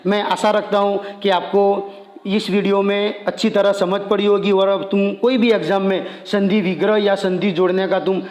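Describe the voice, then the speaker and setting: A man teaching grammar step by step, speaking straight to the student in a plain way. He draws example words out in slow motion, then says them quickly. His voice is on the high side, and the room rings with a long echo. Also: little pitch movement, a little mellow, faint music behind. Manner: direct and plain, addressing the learner. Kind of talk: explaining a Hindi grammar lesson. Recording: echoey room with long reverb.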